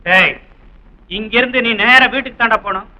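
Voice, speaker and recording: Strict cop dad, high bright voice, bossy and scolding, old film sound. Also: male voice, a little fast, full character voice. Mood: stern, angry. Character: stern middle-aged policeman father. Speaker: police constable. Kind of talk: 1960s film melodrama acting. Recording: dull old film soundtrack, faint music.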